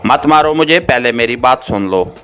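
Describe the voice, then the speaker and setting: A man voicing a captured young Swiss woman in an audiobook, firm at first and then begging, over soft background music. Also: mid-range voice, expressive, normal speed, close to an everyday voice. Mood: pleading. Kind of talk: audiobook character reading.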